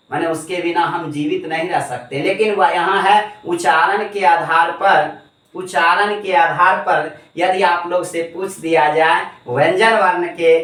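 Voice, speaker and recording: A man's voice: sits high, fairly bright tone. A man teaching a grammar lesson, emphatic and repeating key points. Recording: echoey room, voice far from the mic.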